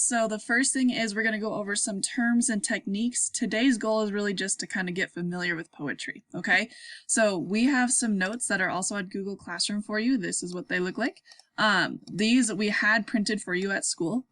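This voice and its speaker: A woman's voice: medium pitch, fairly bright tone, no echo, clean studio sound. A young woman teaching sixth-graders in a casual online lesson, upbeat and chatty, often checking in with her class.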